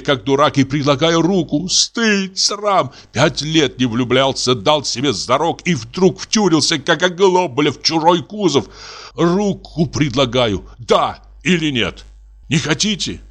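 A man playing a blunt, hot-tempered middle-aged landowner, blustering and halting, as in an audiobook drama reading. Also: on the high side, animated, fairly bright tone. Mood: exasperated. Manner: blustering, halting, self-mocking.

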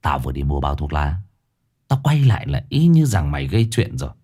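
A man voicing a tough young male exorcist who speaks low, curt and menacing. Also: big pitch swings, a little fast, mellow, heavily acted.

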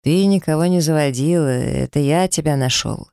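A storyteller voicing an earnest, good-natured young man in love, speaking gently. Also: fairly high pitch, moderate pace, creaky, smooth, dry recording, studio quality.

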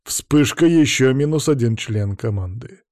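A man doing a gruff veteran mentor. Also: mid-range voice, animated, measured pace, darkish tone, dry recording, clean studio sound, natural voice. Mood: gruff, lecturing. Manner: blunt, lecturing. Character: gruff veteran male mentor, mocking and stubborn.

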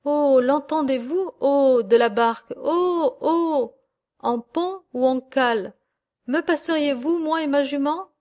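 A woman voicing a brutal male cowherd shouting across a river, pitched up from her own voice. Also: slow. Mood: calling out.

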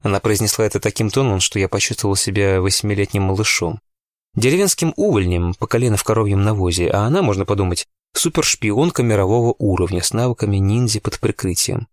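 A man narrating a novel in the first person in a steady, tense storytelling manner. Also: fairly low pitch, quick pace, no room sound, clean studio sound. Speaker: audiobook narrator.

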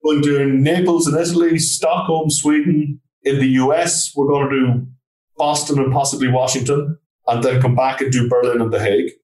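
A man's voice: mid-range voice, little pitch movement, moderate pace, darkish tone, far from the mic. A man with a west of Ireland accent giving informal, plain-worded answers as an interview guest, in a conversational style. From Galway, Ireland. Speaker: trainer and consultant, interview guest. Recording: roomy, echoing sound.

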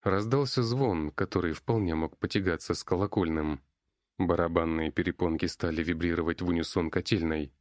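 A man's voice: low-pitched, a little fast, no echo, clean studio sound. A man narrating a first-person fantasy audiobook in a wry, conversational manner.

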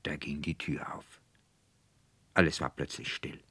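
A man narrating an audiobook in a deep, low voice, measured and expressive. The studio sound is close and completely dry. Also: breathy edge, no room sound.

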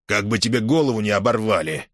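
A man voicing a strong, proud village man who speaks gruffly and sternly. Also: fairly low pitch, animated, fast, dry recording, clean studio sound, lightly acted.

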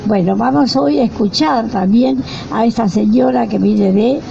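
A woman's voice: fairly high pitch, normal speed, creaky. An older woman hosting a weekly outdoor protest, talking with a wry touch of humor. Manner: wry, adds a bit of humor. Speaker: rally host. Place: outdoor plaza with a crowd. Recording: dull lo-fi outdoor recording with crowd.

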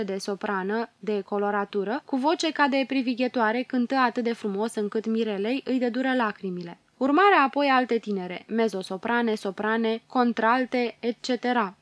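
A woman reading a fairy tale aloud as an audiobook, in calm, measured storytelling. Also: fairly high pitch, no echo. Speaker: audiobook reader. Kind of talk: scripted narration of a children's tale.

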